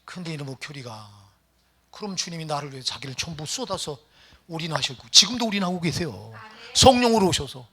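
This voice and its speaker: A male pastor preaching a sermon emphatically, firing rhetorical questions at the congregation and swinging between loud and hushed lines. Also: fairly high pitch, very animated, brisk, background noise.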